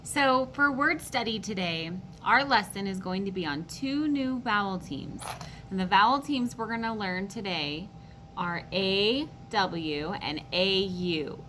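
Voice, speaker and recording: A woman teaches young children to read, speaking slowly and carefully as she sounds out each word. Her voice is bright and clear. A faint rumble hums in the background. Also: low-quality recording. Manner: slow, encouraging, sounds words out for kids. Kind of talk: online phonics lesson for children.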